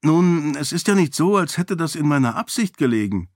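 A man voicing a sharp-witted young royal woman in an audiobook, lifting his voice and talking with quick self-assurance. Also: a little high, sing-song, no room sound, studio quality, voice pushed up. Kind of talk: audiobook character voice.

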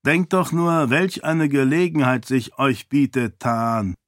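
A man's voice: medium pitch, takes it slowly, no room sound, studio quality, natural voice. A man doing an earnest, persuasive prince. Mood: urgent persuasion.

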